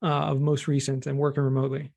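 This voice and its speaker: Talking fast in a monotone, with vocal fry and a darkish tone, a middle-aged Californian man explains things plainly as a guest in a conversational interview. His voice is mid-range and his accent American. He works as a cost segregation expert and used to be a teacher.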